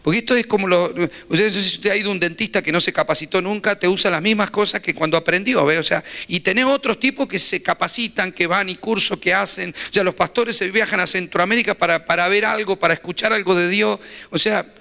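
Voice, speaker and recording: Man, Rioplatense Spanish accent, pastor, teaching sermon, bright tense voice, rhetorical questions. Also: sits high, fast talker, vocal fry. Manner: conversational, rhetorical questions, voseo.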